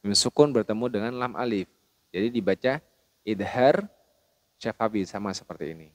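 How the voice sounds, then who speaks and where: A man teaching Quran recitation rules, explaining plainly and then chanting each verse slowly and melodically. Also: lowish voice, no echo. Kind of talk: tajwid lesson with chanted recitation.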